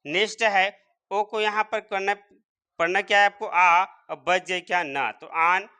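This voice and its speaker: A man's voice: sits high, measured pace, sharp tone, clear, resonant tone. A man teaching English pronunciation step by step, repeatedly quizzing his viewers. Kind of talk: spoken English lesson.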